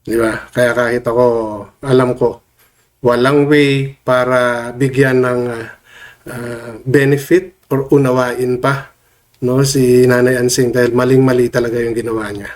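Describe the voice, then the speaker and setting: A man vlogs casual commentary on online drama while a cold changes his voice, which is mid-range, flat, and a little slow. He's chatty and often checks in with viewers mid-sentence, tagging lines with questions to them.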